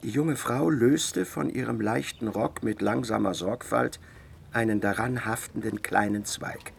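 A man narrating a literary radio play in a measured, even storytelling manner. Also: medium pitch, gravelly, slight background noise.

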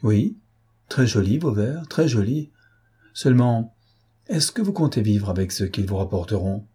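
A man's voice: on the low side, lively intonation, a little slow, dark tone, slightly rough, exaggerated voice. A man voicing a haughty, mocking rich prince in an audiobook, speaking coldly and with scorn. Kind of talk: audiobook character voice.

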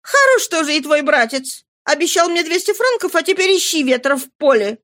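A woman's voice: sits high, very animated, a little fast, a bit bright, voice pushed up. A woman playing a vain, scolding young woman. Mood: indignant. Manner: exclamatory, scolding.

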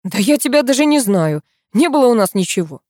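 A woman reading aloud plays a bewildered young man waking in a hospital bed, stumbling over his words in a halting, confused way. The voice sits fairly high and is recorded close and dry, as in an audiobook reading. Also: big pitch swings, dark tone, no room sound. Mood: confused, defiant.

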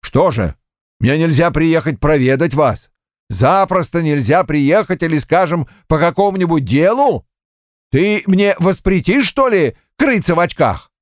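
A man's voice: fairly high pitch, expressive, measured pace, no echo, clean studio sound, pitched above the performer's own voice. A man voicing a crafty, weathered Cossack farmer who spins boastful, mock-aggrieved tales. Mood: folksy.

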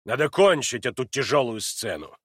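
Brief: a haughty old-world prince, read by a man, lowered voice, measured and condescending, dry sound. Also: big pitch swings, fairly bright tone, breathy edge, no room sound. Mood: cold haughty. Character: cold, self-righteous older aristocrat, a prince. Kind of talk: audiobook reading.

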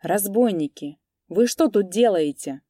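Woman reader playing an elderly village priest, thin and quavering, high and loud. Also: big pitch swings, slow, no room sound, clean studio sound. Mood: panicked. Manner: quavering, shrill shouting. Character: frightened old male village priest.

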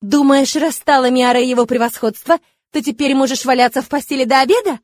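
A woman's voice: high voice, fairly quick, lightly acted. A woman voicing a spiteful, screeching middle-aged nun who scolds with venom. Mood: venomous.

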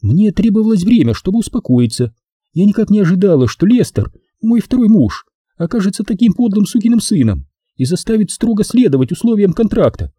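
A glamorous film actress coos and purrs her words, sweet on the surface and bossy underneath, as a male reader puts her on. The voice rides high and swoops with lively pitch over a husky, dark grain. It sounds close and dry, like a studio audiobook. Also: brisk, dry recording, full character voice. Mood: coaxing sweet. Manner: sweetly cooing, commanding. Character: glamorous female film star, coy and imperious.

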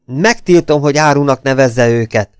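A man reading aloud, voicing a frightened but defiant young woman in high, strained protests. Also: clear, resonant tone, no room sound, studio quality, natural voice.

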